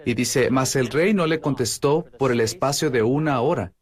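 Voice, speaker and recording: A middle-aged man giving a humorous sermon-style talk, animated and acting out characters in quick asides. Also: medium pitch.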